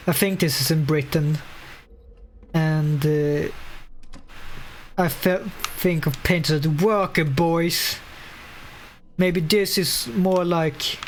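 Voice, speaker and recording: A man streaming a horror game who thinks out loud in a laid-back way and swears freely. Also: fairly high pitch, slight background noise. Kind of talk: casual let's-play commentary.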